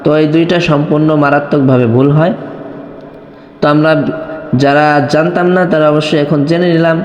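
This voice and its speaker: A man teaching Quran recitation, explaining tajweed rules and chanting the verses slowly in long melodic lines. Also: on the high side, steady tone. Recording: roomy echo with long reverb.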